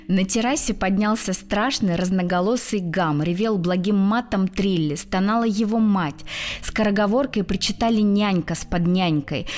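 Woman narrating a classic story. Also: mid-range voice. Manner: even, expressive storytelling. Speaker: actress reading aloud. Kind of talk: audiobook narration.

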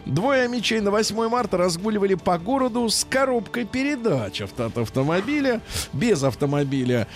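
A man's voice: high voice, sing-song, fairly quick, soft background music. A man hosting a casual morning radio show, reading news with ironic commentary and repeating words for emphasis. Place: radio studio.

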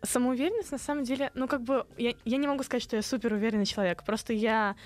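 A woman's voice: a little high, fast, faint music behind. A young woman with a lisp that makes her s slushy and slippery, chatting casually as an interview guest. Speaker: video blogger guest.

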